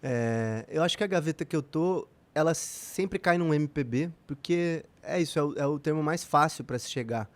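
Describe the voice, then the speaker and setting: Brief: Brazilian man, musician guest on a podcast, reflective, rambling, pitched a bit high. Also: moderate pace, few pauses. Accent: Brazilian Portuguese. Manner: reflective, rambling with many fillers. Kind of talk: casual podcast interview.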